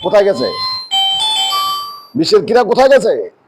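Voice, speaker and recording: Man giving a sermon in a mosque, asks stuff then answers it himself, high voice jumping all over. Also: sing-song, moderate pace, over music, rough recording. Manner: rhetorical questions answered by himself; emphatic, drops low for key words. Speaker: Islamic preacher.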